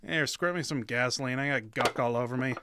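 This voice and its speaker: A man's voice: mid-range voice, a little fast, noisy background, close to an everyday voice. An actor playing Buck, a folksy small-town young man who narrates a creepy tale in old-time radio drama style. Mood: joshing.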